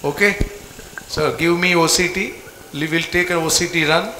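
High, bright Indian man's voice, echoey room. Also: normal speed. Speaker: operating cardiologist. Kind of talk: live medical procedure commentary. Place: hospital cath lab. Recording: echoey room with clear background noise and clicks.

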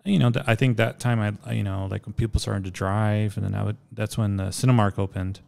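A man from El Paso, Texas, a skateboarder and filmmaker, answering interview questions in a relaxed, rambling way full of likes. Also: fairly low pitch, fairly quick, gravelly. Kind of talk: casual interview chat.

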